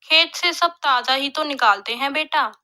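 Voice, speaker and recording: A woman voicing a kind older village mother-in-law who speaks softly and soothingly. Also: high-pitched, moderate pace. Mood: gentle.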